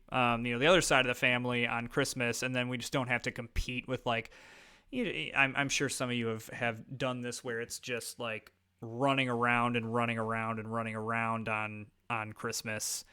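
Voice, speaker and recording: Midwestern guy in his 30s rambling through a let's play, lots of ums, bright and clean sounding. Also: medium pitch, fairly even intonation, normal speed, clear, resonant tone. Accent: Midwestern American. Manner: rambling, filler-heavy, self-deprecating. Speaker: gaming YouTuber. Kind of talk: casual let's-play commentary.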